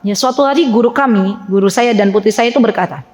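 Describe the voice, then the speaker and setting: A woman preacher giving a lively religious lecture to women, often asking her listeners questions. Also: fairly high pitch, quick pace. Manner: lively, animated, talks directly to her audience with questions. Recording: echoey hall with long reverb.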